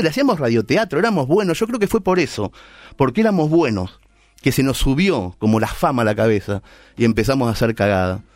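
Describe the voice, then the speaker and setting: A man's voice: medium pitch, dry recording. A middle-aged man with an Argentine accent telling a story in a playful, conversational way. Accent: Argentine Spanish. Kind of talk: storytelling monologue.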